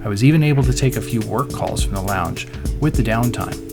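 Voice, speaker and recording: Speaking a little fast in a medium-pitched voice with lively intonation, a middle-aged man plays a pilot narrating an airport review. The scripted voice-over has background music beneath it.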